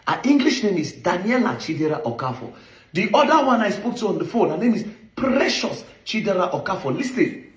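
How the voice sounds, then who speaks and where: A man's voice: high-pitched, very animated, fairly quick. A man with a Nigerian accent giving an impassioned, accusatory monologue, stressing points with rhetorical questions. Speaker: online commentator. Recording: echoey room.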